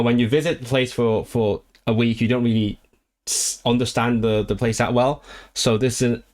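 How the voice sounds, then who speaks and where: A language livestreamer sits at his home streaming desk, chatting casually with viewers and reading their comments. His medium-pitched voice rambles, with lots of restarts and filler words, and he's clearly enthusiastic about languages.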